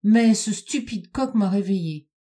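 A woman's voice: mid-range voice, unhurried, mellow, natural voice. A woman reading a storybook and voicing an arrogant male pig who has made himself the farmer, commanding and scornful. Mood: bossy.

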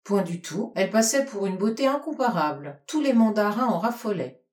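A woman reading a storybook, voicing a suave, evasive man who answers with calm, light mockery, in a lower voice than her narration. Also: normal speed, echoey room, lightly acted. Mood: nonchalant.

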